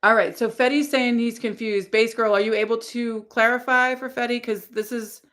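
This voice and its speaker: A woman's voice: a little high, fairly even intonation, moderate pace, a bit bright. A woman in her forties, a live streamer reading out her chat in a rambling way, full of fillers and restarts. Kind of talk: casual livestream chat.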